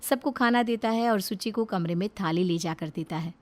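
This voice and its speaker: A woman narrating a family drama story in a low, steady storytelling voice. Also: moderate pace.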